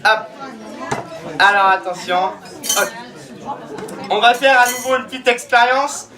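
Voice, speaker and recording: High-voiced male stage hypnotist with crowd. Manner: slow hushed trance commands between playful teasing. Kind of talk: live hypnosis show. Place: campsite entertainment outdoors. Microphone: handheld microphone. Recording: live audience crowd behind. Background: audience crowd.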